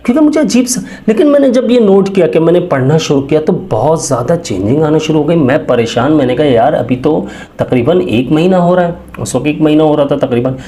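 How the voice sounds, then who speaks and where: Guy in his 30s rambling earnestly through his own story, warm mellow tone, a bit high. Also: animated, a little fast. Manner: earnest, rambling, with many restarts and self-quotes. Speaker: speaker sharing a personal story. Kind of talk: casual personal testimony.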